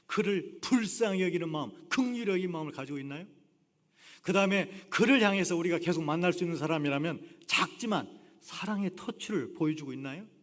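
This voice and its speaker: Animated pastor preaching in a reverberant church. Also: male voice, sits high, a little fast. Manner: animated storytelling, acting out quoted voices. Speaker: guest pastor. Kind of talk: sermon. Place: church sanctuary.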